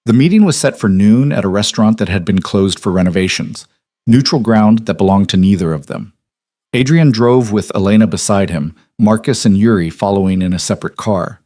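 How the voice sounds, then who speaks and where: Man, story narrator, low voice, even scripted reading. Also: brisk, no echo, studio quality.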